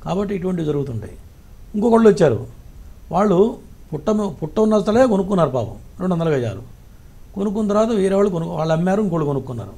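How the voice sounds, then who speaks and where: Brisk, high-voiced lecturing male astrologer. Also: sing-song, gravelly, dark tone. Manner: blunt, lecturing, tells callers off. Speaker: astrologer answering callers. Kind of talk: call-in advice talk.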